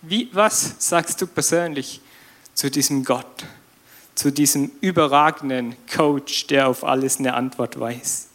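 A man preaching a sermon in a lively, conversational way, with casual slang and sudden bursts of loud emphasis. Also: mid-range voice, a little slow.

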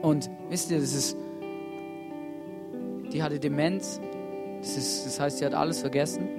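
A man's voice: fairly high pitch, steady tone, a little slow. A man preaching a sermon from a church stage, earnest and urging, putting questions to the congregation and often starting with "hey". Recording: soft guitar music playing behind.

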